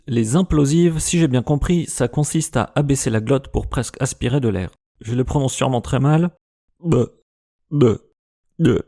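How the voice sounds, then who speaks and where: A language teacher with a warm, mid-range male voice gives a casual lesson, sounding out consonants aloud to demonstrate them.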